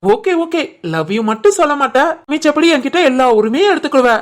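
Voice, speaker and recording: In cartoon voice acting, an artist with a high, slightly fast voice plays an eager, lovestruck young office worker speaking a southern Tamil Nadu dialect. The performance is doting, pleading and excitable.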